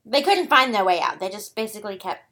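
A woman's voice: medium pitch, big pitch swings, fast talker, bright, forceful tone. A woman co-hosting a podcast, casually chiming in with short agreements and corrections to a story. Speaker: podcast co-host.

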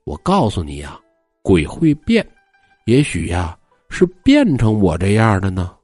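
A man voicing a playful, coaxing young forest maiden who may be a ghost, in a husky voice. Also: sits low, wildly swooping pitch, measured pace, a little mellow, no room sound, studio quality, soft background music, pitched below the performer's own voice, heavily acted. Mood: teasing. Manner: playful, coaxing, mock-spooky.

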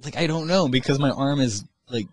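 A man's voice: mid-range voice, a little fast. A man co-hosting a podcast, bantering casually, joking and laughing often. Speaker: podcast co-host.

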